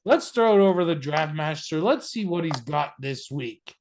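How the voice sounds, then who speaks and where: A man's voice: a little high, expressive, moderate pace. A young man co-hosting a casual podcast chat with his brothers, playful and jokey. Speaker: podcast co-host.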